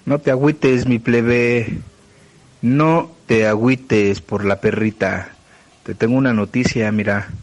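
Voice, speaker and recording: A man's voice: mid-range voice, fairly even intonation, slow pace. A man with a Mexican accent sharing news in a casual voice message as a listener. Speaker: caller.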